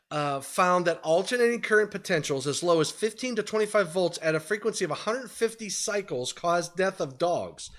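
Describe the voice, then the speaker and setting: Chatty man presenting on a video call. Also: high voice. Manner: conversational, many fillers, trails off quietly. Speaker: webinar presenter. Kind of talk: webinar presentation. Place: home study with bookshelves.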